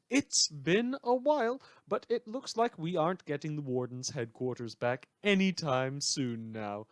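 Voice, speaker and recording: A man plays a gleeful, sardonic villain hosting a radio news show, delivering a scripted monologue full of sarcasm and dramatic pauses. His voice is on the high side, and the recording is dry with clean studio sound.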